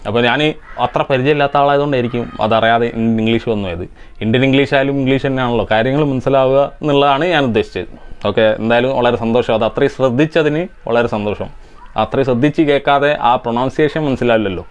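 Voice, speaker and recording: Fast-talking man explaining electronics repair. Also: medium pitch, clean tone. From India. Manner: methodical, explains step by step. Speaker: electronics repair channel host. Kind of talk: answering viewer comments, technical explanation.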